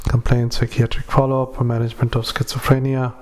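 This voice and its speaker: A man, a doctor, dictating a clinical note into a dictaphone, halting often with fillers and spelling out words. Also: mid-range voice, flat delivery, darkish tone. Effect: dictaphone recording. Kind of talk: medical dictation.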